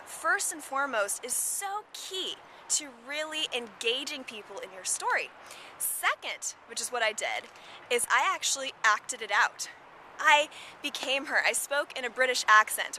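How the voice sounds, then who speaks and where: An upbeat woman vlogger shares tips outdoors, stressing her key points over and over. Her voice is high and bright, with a faint hum of the outdoors behind her. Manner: upbeat, emphatic, repeats key words. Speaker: vlogger giving storytelling tips. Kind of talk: casual instructional vlog.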